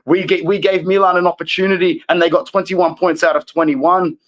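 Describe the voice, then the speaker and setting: Calm but emphatic man ranting. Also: high-pitched, a little fast, low-quality recording. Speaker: guest fan. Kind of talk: impassioned fan rant.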